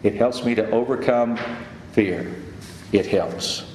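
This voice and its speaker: A pastor preaching a sermon, reading scripture aloud and swelling into loud, emphatic peaks. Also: male voice, on the low side, takes it slowly, a little hiss or hum. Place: church sanctuary. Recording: roomy hall reverb, faint ambience.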